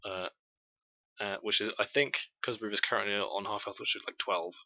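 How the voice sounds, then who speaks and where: Bright-voiced hesitant game master man. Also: lowish voice, fairly even intonation, normal speed, no room sound, muffled recording. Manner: hesitant, full of fillers. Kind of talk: narrating a tabletop game.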